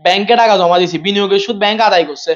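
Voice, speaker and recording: Guy teaching accounts on a live class, high voice, talks super fast, dull lo-fi stream audio. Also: fairly even intonation. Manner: rapid-fire, repeats himself and quizzes students.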